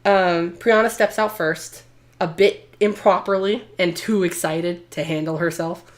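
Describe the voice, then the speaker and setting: A woman's voice: fairly low pitch, fairly even intonation, unhurried. A woman acting as game master, mixing improvised story narration with playful, theatrical, emphatic chat.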